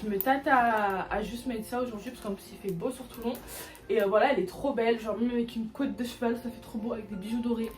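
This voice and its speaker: Woman, enthusiastic haul vlogger, higher voice, music under, mic a bit distant. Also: steady tone, fast. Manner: chatty, enthusiastic, lots of fillers. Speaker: fashion vlogger. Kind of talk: casual try-on haul vlog.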